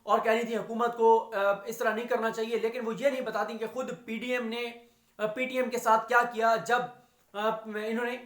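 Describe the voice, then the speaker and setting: A man's voice: extremely high pitch, flat delivery, a bit bright. A man delivering political news commentary in a rhetorical way, stacking repeated phrases and using frequent "uh" fillers. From Pakistan. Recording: roomy echo.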